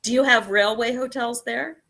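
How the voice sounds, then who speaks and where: A woman's voice: a little high, steady tone, normal speed, creaky, sharp tone. A woman from Canada, a guest chatting casually over a video call whose audio breaks up with a buffering stutter. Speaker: guest on a live stream. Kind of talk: casual storytelling chat.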